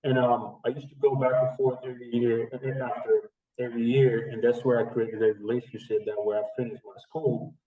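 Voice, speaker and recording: The guest, a strength and conditioning coach in his thirties from the Dominican Republic, talks fairly quickly with few pauses and little pitch movement in his mid-range voice. He rambles casually with frequent fillers and restarts. The audio is narrow and tinny, from an echoey, distant remote recording.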